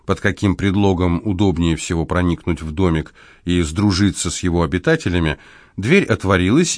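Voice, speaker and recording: A man narrating an audiobook in a measured, expressive storytelling voice. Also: sits low, dry recording, clean studio sound. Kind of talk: scripted narration.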